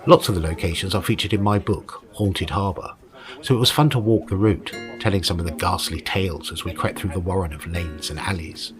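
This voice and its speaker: A man's voice: low-pitched, a little fast, over music. A man giving scripted narration as a host, in a descriptive storytelling way. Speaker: narrator and ghost-hunt host.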